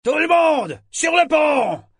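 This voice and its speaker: A man voicing a loyal, rough pirate first mate in an audiobook. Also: mid-range voice, animated, moderate pace, no echo, clean studio sound. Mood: shouting orders. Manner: shouts orders loudly.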